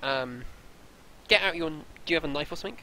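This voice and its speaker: A man's voice: a little high, quick pace, sharp tone, low-quality recording. A man running a tabletop role-playing game, narrating the scene with many fillers and restarts. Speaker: game master.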